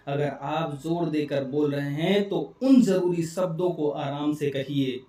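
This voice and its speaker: Slow, mellow man narrating a book summary. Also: on the high side, echoey room, distant mic. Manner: calm, explanatory, addresses viewers directly. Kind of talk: scripted narration.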